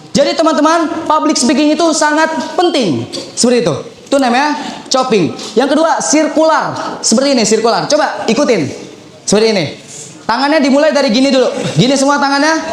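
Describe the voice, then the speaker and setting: A young man with a very high voice coaches students in public speaking. He explains step by step and repeats his phrases as he demonstrates. The sound bounces around an echoey hall. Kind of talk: lively seminar teaching to students. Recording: echoey room.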